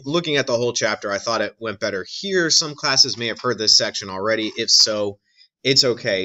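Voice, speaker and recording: A male instructor gives a recorded lecture and explains his points patiently, often restarting his sentences. His voice sits a little low and sounds bright and forceful. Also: lo-fi sound. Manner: explanatory, many restarts and fillers.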